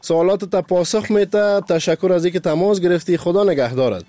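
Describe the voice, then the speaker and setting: A man's voice: high-pitched, mellow, no echo, soft background music. A man hosting a live radio call-in show from a studio, effusive and heaping endearments on his callers.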